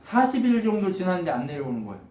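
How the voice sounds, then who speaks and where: A man preaching a lively, conversational sermon as a pastor, acting out lines with humor. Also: high-pitched, rapid-fire. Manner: animated, acts out God's lines with laughs. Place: church sanctuary. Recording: echoey room, mic from a distance.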